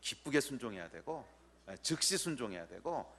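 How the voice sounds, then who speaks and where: Pastor guy preaching, voice goes way up and down, keeps quizzing the kids and repeating words. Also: medium pitch. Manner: animated, teasing, quizzing children in the pews; repeats key words slowly for emphasis. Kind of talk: sermon.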